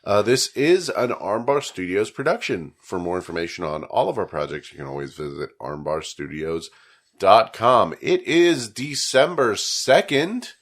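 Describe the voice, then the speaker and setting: A man co-hosts a casual podcast while fighting a cold, so his voice comes out stuffed up and nasal. He talks in a chatty, upbeat way. His voice sits quite low. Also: expressive, moderate pace. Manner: chatty and upbeat, laughs easily. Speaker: podcast co-host. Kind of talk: casual chat.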